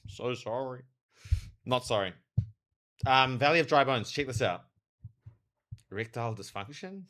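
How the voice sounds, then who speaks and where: A man with a bright, forceful voice and a pronounced lisp from a dental retainer. He talks casually to his livestream chat, animated and slangy, while he plays a game. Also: mid-range voice, unhurried. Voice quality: lisp, made stronger by a new retainer. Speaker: live streamer, theologian.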